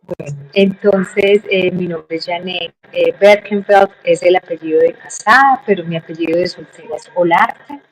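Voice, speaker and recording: As an interview guest, a middle-aged woman with a Colombian Spanish accent unhurriedly reflects on her life, with frequent hesitations. Her pitch is fairly low and the recording rough.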